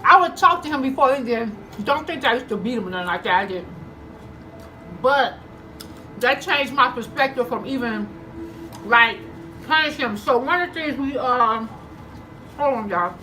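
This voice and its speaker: A woman's voice: fairly high pitch, lively intonation, normal speed, long pauses, sharp tone, a little hiss or hum, poor audio. A woman telling stories casually to her viewers in a conversational way while eating, acting out bits of dialogue. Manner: conversational, addresses viewers as y'all, acts out dialogue. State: eating, chewing between phrases. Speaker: mukbang vlogger.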